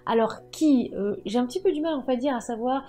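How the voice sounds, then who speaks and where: A woman hosting a writing and book channel, talking in a lively, chatty way and often joking about herself. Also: high-pitched, brisk, soft background music. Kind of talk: casual chatty video talk.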